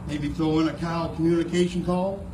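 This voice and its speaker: A man's voice: a little high, fairly even intonation, fairly quick. A man telling a humorous, folksy hunting-style yarn at an outdoor fair, as in a moose call contest. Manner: folksy, second-person yarn-spinning. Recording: distant, echoey, noisy outdoor fair recording.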